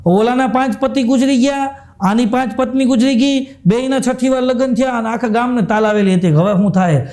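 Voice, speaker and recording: A man's voice: very high voice, fairly quick, darkish tone. A man with a Kathiyawadi Gujarati accent telling jokes on a live stage, chuckling through his punchlines and repeating his catchphrases. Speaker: stand-up comedian. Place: live stage show with audience.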